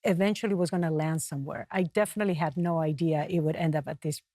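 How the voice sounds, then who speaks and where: Peruvian-born woman, earnest, reflective talk show guest, lower register. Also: steady tone, warm tone, no room sound. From Peru. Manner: earnest, reflective, pausing to find words. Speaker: guest author and mountaineer.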